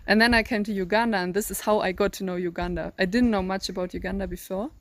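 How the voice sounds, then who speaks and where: An eighteen-year-old woman from northern Germany with a German accent, speaking English as a second language, answering interview questions thoughtfully with many pauses and restarts, recorded outdoors in a garden. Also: medium pitch, steady tone, dry recording. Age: teens. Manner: thoughtful, searching for words, many ums and restarts. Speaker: interview guest, volunteer. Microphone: handheld phone held by interviewer.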